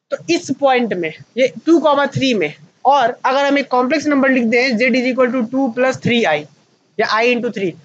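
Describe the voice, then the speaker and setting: High-voiced Indian maths teacher, dull recording. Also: male voice, slight background noise. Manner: asks the class questions and answers them himself; slows right down to dictate notes. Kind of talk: online maths lecture at a whiteboard.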